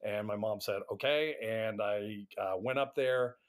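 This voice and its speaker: A man's voice: lowish voice, unhurried. A middle-aged man from the United States, a podcast guest telling anecdotes casually in a wry, self-deprecating way. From United States, Atlanta area. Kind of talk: casual anecdotal interview chat.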